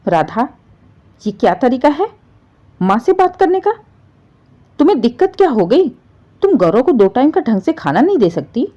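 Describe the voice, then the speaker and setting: An angry young husband, scolding and demanding, as a woman reads him. The voice is mellow and high, and the recording sounds a little dull and lo-fi. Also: sing-song, moderate pace, long pauses.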